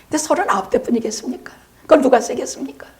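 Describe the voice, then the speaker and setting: Woman pastor with a fairly high voice. Preaches a dramatic sermon, moving between hushed whispers and forceful emphasis. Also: animated, fast. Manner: dramatic, drops to hushed whispers then rises to emphatic peaks; vivid storytelling with sound words.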